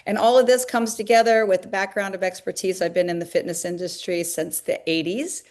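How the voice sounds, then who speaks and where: A woman's voice: mid-range voice, fairly even intonation, brisk, darkish tone. A woman, a longtime fitness business owner, explaining her company at length in an interview, with many fillers. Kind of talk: interview answers.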